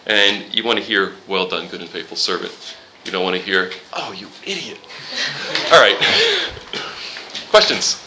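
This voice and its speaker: A man with a low voice and wide pitch swings leads a relaxed Bible study class, taking his time as he quotes scripture and jokes with the students. Some background noise can be heard.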